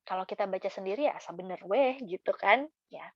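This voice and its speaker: A woman giving a casual lesson on Quran recitation, chatting with many fillers and slowly demonstrating how words should be recited. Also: medium pitch, expressive, no room sound, lo-fi sound.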